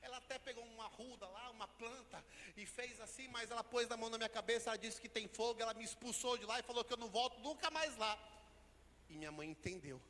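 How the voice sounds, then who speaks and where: Brief: male preacher, high and sharp-toned, storytelling sermon, reverberant church hall. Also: fast. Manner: storytelling, then rising to loud preaching with sung phrases and tongues. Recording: hall reverb, faint background noise.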